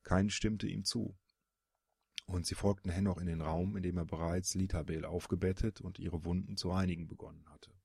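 A man narrating a fantasy audiobook with a husky voice, in steady, measured storytelling. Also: deep voice, no echo, clean studio sound.

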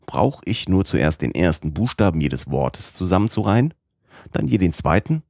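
A man's voice: low voice, big pitch swings, moderate pace, gravelly, a little mellow, dry recording, clean studio sound, heavily acted. A man voicing a stern, obsessive old professor in an audiobook, with a commanding, lecturing tone. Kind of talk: audiobook character voice.

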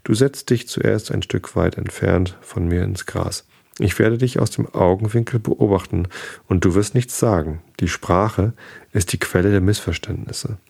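A patient, lonely fox speaks wisely and gently, as a man reading a storybook puts him on. The voice sits low and has a gravelly, husky grain. It is an unhurried storybook voice, not a showy one. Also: exaggerated voice. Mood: wistful.

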